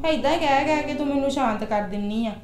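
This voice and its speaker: A woman acting a sharp-tongued older mother-in-law in a family skit, scolding and nagging. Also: high-pitched, fast talker, roomy sound, background noise, lightly acted. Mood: complaining. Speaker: actor in a family comedy skit.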